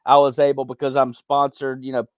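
A man's voice: mid-range voice, monotone, brisk, no room sound, clean studio sound. A young man being interviewed as a podcast guest, talking in an earnest, reflective way with lots of "you know.". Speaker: podcast guest, veteran and content creator. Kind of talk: candid conversational interview.

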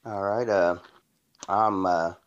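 A man in his forties from Indiana speaks in a very low voice, telling his story casually and rambling with fillers and restarts. His audio sounds dull and lo-fi, as over a call. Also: fairly even intonation, takes it slowly. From Indiana, USA. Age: 40s. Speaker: podcast guest.

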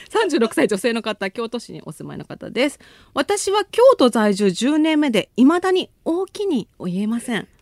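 A woman's voice: a little high, very animated, moderate pace, a little mellow, no room sound, clean studio sound. A woman co-hosting a radio show, reading listener mail and chatting in a giggly, conversational way. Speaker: radio host. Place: radio studio.

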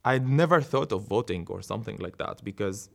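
Speaking as an interviewee, an earnest Syrian dancer reflects on his life, breaking into brief laughs and starting sentences over. His lowish voice is expressive, a little fast, and creaky.

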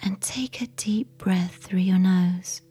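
Woman whispering a bedtime sleep story, super slow, warm and breathy, faint music under. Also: on the low side. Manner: soft unvoiced whisper, slow and soothing.

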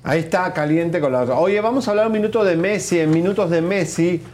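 Quick, teasing male gossip host. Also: sits high, a little mellow. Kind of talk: casual gossip chat.

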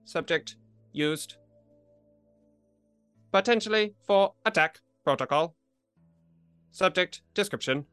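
A man's voice: sits high, slow pace, long pauses, fairly bright tone, clear, resonant tone, no room sound, soft background music. Man doing a robotic lab computer processing. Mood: flat robotic. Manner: robotic computer processing voice, clipped repeated status words. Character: talking lab bench computer, flat and literal. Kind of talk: tabletop game roleplay.

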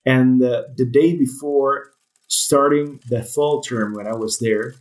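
A man's voice: mid-range voice, steady tone, takes it slowly, a little mellow, poor audio. A man in his thirties from Ecuador, speaking English as a guest, answering with many fillers and restarts. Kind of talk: casual interview answers.

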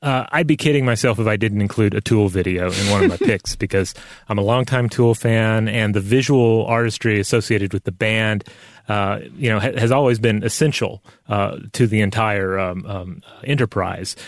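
Halting man with a lowish voice. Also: dry recording, studio quality. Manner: halting, hesitant phrasing. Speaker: podcast co-host. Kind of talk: casual explanatory talk.

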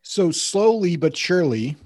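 A man's voice: a little high, sing-song, measured pace, darkish tone, dry recording, studio quality. A man talking conversationally as a podcast host, explaining things like a coach.

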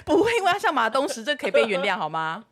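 Animated woman podcaster. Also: fairly high pitch, racing, slightly rough. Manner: animated, laughing, dramatic storytelling. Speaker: podcast co-host. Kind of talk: casual chat.

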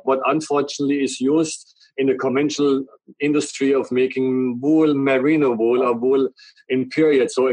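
This interview guest, a company representative, is a middle-aged German with a strong accent whose mid-range voice is a little mellow. He earnestly explains a product at length in long run-on sentences. The recording is dry and the audio poor.

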